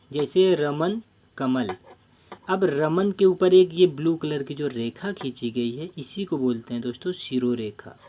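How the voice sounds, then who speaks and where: Hindi grammar teacher, patient and repetitive. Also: male voice, on the high side, darkish tone. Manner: explains slowly, repeats terms, keeps addressing friends. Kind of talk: exam-prep grammar lesson.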